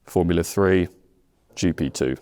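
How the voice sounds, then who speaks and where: A man speaking in a very deep, flat monotone, as if hiding his real voice. He keeps his replies short and level, giving nothing away. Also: a little slow. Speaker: game show contestant.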